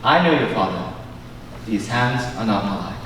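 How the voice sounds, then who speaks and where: A young adult student actor performs on stage in a large indoor school auditorium, playing an earnest, formal courtier in Shakespearean style. His grand declamation is highly animated, solemn and urgent, delivered at normal speed. The sound carries from a distance through very echoey space with faint noise.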